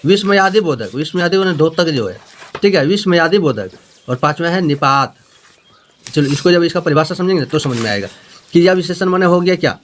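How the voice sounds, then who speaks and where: A man teaching a Hindi grammar lesson with a Jharkhand accent, repeating points and checking if students follow. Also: high-pitched. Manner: repetitive, explaining with homely examples and checking questions.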